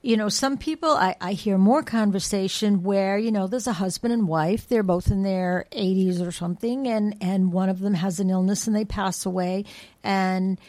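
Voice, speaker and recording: A woman's voice: mid-range voice, moderate pace, darkish tone. A woman co-hosting a casual podcast, speaking in a thoughtful, reflective, conversational way. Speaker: co-host from a home care agency.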